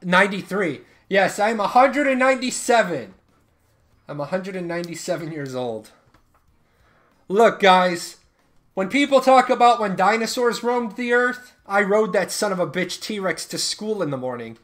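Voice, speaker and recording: A man in his thirties hosts a live stream, bantering and joking with chat while running giveaways. His voice sits high with a fairly bright tone, and he's very animated at a moderate pace.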